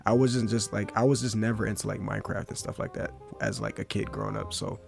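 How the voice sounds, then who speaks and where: A man's voice: fairly low pitch, steady tone, fast talker, gravelly, soft background music. A young man giving casual, rambling commentary full of slang, calling everyone "bro". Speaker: commentary YouTuber.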